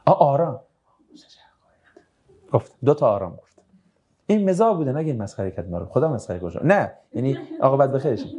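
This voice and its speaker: Reading out questions from his audience, a male religion teacher answers each one briskly and conversationally, slipping in dry jokes. His voice sits on the high side and sounds warm.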